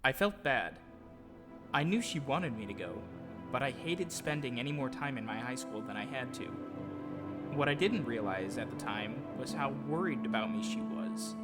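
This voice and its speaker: Recorded in a large hall with clear music underneath, a man reads his personal story from a script. He is a narrator and audio drama producer-actor, so his reflective telling sounds like audio drama narration. His mid-range voice has lively intonation at a normal pace.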